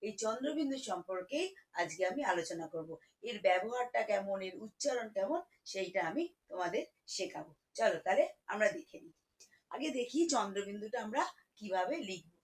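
A woman teaching children to read, spelling words out slowly syllable by syllable. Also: medium pitch, expressive, low-quality recording. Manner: slow, syllable-by-syllable spelling, warm teacherly coaxing. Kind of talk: children's reading lesson.

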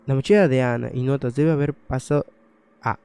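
A young man, commentating his own horror game playthrough in a casual way, swearing, thinking aloud and breaking into loud startled outbursts. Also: mid-range voice, fairly quick, clear, resonant tone. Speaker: gaming channel host.

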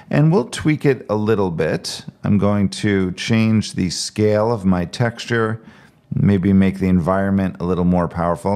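A man calmly talking step by step through a screen-recorded software tutorial. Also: on the low side, gravelly. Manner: calm step-by-step explaining. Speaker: tech tutorial presenter.

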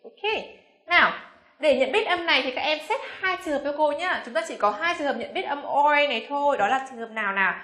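A young woman with a Vietnamese accent teaching English pronunciation, coaxing and slowly repeating each word with frequent check questions. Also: high voice, expressive, pushed and bright, echoey room. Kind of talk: classroom pronunciation lesson.

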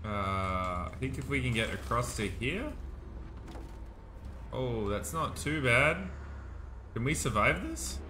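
A young man chatting excitably while commentating his own gameplay, laughing often. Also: medium pitch, slow, long pauses, noisy background. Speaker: gaming streamer.

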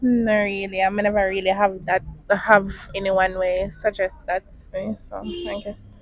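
Shy, soft-spoken young woman. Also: medium pitch, flat delivery, a little slow, no room sound. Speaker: interviewee. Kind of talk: casual street interview. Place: outdoors by a storefront. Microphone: handheld mic.

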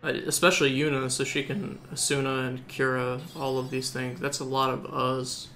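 A man with a gravelly, creaky voice talks casually through a video game, thinking aloud and poking fun at himself. Faint game music plays behind him. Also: mid-range voice, flat delivery, normal speed, sharp tone. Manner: chatty, self-mocking, thinks aloud. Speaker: streamer playing a game. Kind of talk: casual let's-play commentary.

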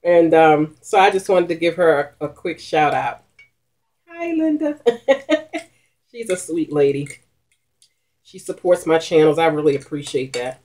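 A woman's voice: low-pitched, normal speed, a little mellow. A middle-aged woman hosting a mukbang video, chatting casually and appreciatively between mouthfuls. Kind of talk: casual chat while eating. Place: small curtained room at home, indoors.

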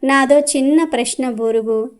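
A woman's voice: sits high, a little slow, clean tone. Woman doing a sly wandering sage. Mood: coaxing. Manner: coaxing, probing questions.

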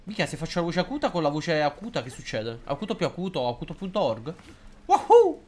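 A man giving casual, excitable and jokey live commentary while streaming a game, hesitant and halting whenever he switches into English. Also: a little high. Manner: excitable and jokey, swings between loud outbursts and mumbling.

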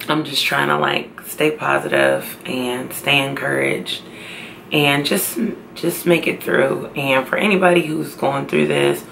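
A tired young woman talking slowly and tearfully to camera in a personal vlog, trying to stay upbeat. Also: low voice, vocal fry, fairly bright tone, a little hiss or hum. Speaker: pregnancy vlogger.

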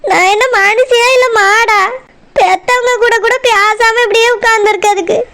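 A woman's voice: very high-pitched, fairly even intonation, normal speed, pushed and bright. A woman voicing a young wife who sobs and complains bitterly about her husband, in a Tirunelveli Tamil accent. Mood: sobbing. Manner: sobbing, resentful complaints.

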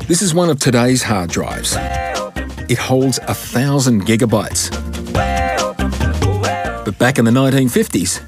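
A man presenting and narrating a science documentary segment in a lively, scripted style. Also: medium pitch, unhurried, pauses often. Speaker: science reporter. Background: music.

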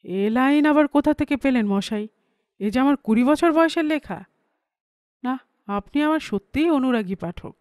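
A woman voicing a proud, touchy middle-aged male poet with a gruff, aggrieved way of talking. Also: high voice, animated, normal speed, long pauses, a little mellow, no echo, studio quality. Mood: flattered.

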